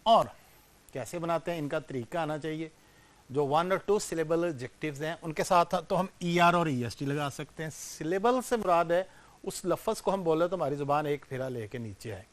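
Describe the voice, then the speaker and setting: A man teaching English grammar to students, explaining step by step and checking in often with questions. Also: fairly high pitch. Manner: volume rises and falls sharply, slows to stress example sentences. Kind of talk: classroom grammar lecture.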